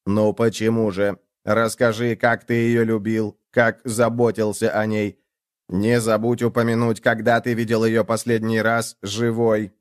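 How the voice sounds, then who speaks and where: Guy doing a snide sneering ship computer in an audiobook, smooth clear voice, needles you nonstop. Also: on the low side, little pitch movement, unhurried, no echo, studio quality, close to an everyday voice. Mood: mocking. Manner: needling, sarcastic interrogation. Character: sneering male ship computer, cold, mocking.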